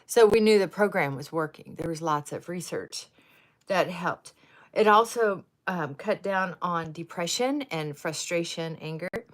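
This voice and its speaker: Slow, rambling woman in her sixties. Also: on the low side. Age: 60s. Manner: rambling, wandering off on tangents. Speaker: livestream host. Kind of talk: casual chat while doing makeup.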